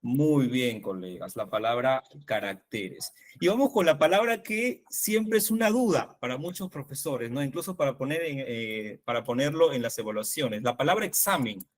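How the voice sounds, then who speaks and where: A man's voice: medium pitch, lively intonation, normal speed, hardly any pauses. Peruvian man teaching spelling over video call. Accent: Peruvian Spanish. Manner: didactic, asks questions and confirms answers. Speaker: teacher leading a spelling workshop. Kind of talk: online teacher workshop.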